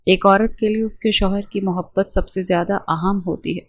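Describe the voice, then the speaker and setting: A woman narrating a romance novel in a steady, gentle storytelling manner. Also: medium pitch, no room sound. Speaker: novel reader.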